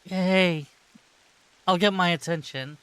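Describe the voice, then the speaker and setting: A man's voice: sits high, fairly even intonation, slow pace, fairly bright tone, smooth, no echo. A man streaming a game, reading its dialogue aloud and stumbling, swearing and laughing as he goes. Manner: reads text with stumbles and swearing, laughs often.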